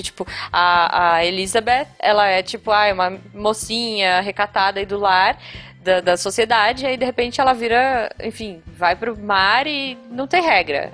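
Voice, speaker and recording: A woman's voice: medium pitch, fairly bright tone. A young adult woman with a Brazilian accent, chatting casually and enthusiastically as a podcast co-host, full of slang and fillers. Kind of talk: casual chat.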